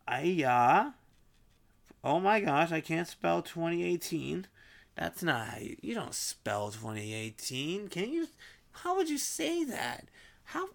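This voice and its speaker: A woman chatting casually on a vlog, rambling with lots of fillers and frequent swearing. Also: vocal fry. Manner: rambling, swears often, many fillers, sudden jumps in pitch. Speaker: vlogger.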